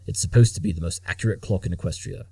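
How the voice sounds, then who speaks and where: Very fast and low, with a creaky but mellow quality, this man plays an imperious genius detective in an audio drama. He explains his deductions smugly in clipped, condescending bursts, plainly impatient with his listeners.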